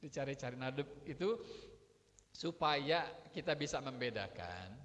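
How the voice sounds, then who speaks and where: A man's voice: mid-range voice, lively intonation, a little slow, a bit bright, lo-fi sound. A man preaching in an echoing hall. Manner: conversational, acts out everyday quarrels. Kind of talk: religious sermon. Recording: long hall reverb.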